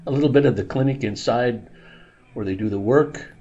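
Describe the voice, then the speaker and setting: A man's voice: medium pitch, fairly quick, warm tone, lo-fi sound, slight background noise. A man in his sixties narrating a casual vlog in a dental clinic, chatty and plain-spoken, laughing at himself. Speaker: vlogger.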